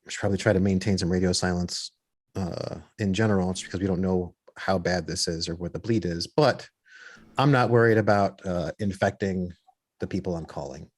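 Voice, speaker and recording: A man playing a tabletop roleplaying game, improvising in a hesitant, halting and wordy way. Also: low-pitched.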